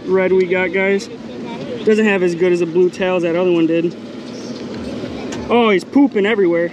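A young man in his twenties giving chatty, excited running commentary while fishing from a small boat, recorded on a body-worn action camera. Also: high-pitched, normal speed, noisy background. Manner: excited, chatty, calls viewers "guys" and "bro". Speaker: fishing vlogger host. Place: outdoors on a small boat on a bay. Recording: music playing underneath.

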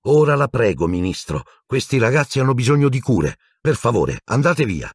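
A man's voice: medium pitch, big pitch swings, normal speed, husky, no echo, studio quality, voice pushed up. A man voicing a strict, fussing female school nurse in an audiobook, insistent and flustered.

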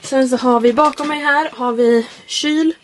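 Here a young woman in her 20s vlogs informally about a road trip, her high-pitched voice holding a steady tone. She's filmed around a camper van and car on a handheld camera, and the camera audio carries clear background noise.

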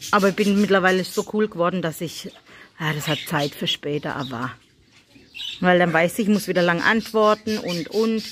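A woman's voice: lowish voice, a little hiss or hum. A middle-aged woman from Germany, chatting casually as a vlogger in a farmyard and slipping into simple English. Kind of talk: casual vlog chat. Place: farmyard with animal pens.

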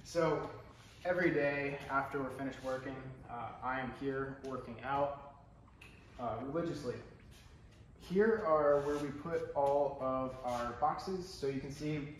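Male, 20s, casual tour host, empty warehouse echo, camera mic a few feet off, some background noise. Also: medium pitch. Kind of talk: casual walk-through tour narration. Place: large warehouse room with concrete floor, indoors. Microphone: handheld camera a few feet away.

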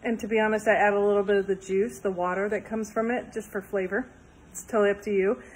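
Filming on her phone, which starts close and is later propped farther off, a thirty-something woman chats enthusiastically while walking through a home recipe in her kitchen, tossing in cheerful asides. She talks fast in a slightly rough, mid-range voice with fairly even intonation, and the recording quality is low.

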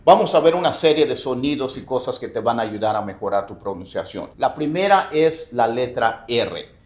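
A man giving a casual video lesson on English pronunciation, animated, saying sample words first wrong and then right. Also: mid-range voice, echoey room.

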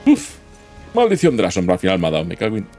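Man, low gravelly voice, lively swings in pitch, casual gameplay commentary, game music faintly behind. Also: quick pace. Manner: chatty, talks to himself while playing, sudden yelps. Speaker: gaming YouTuber.

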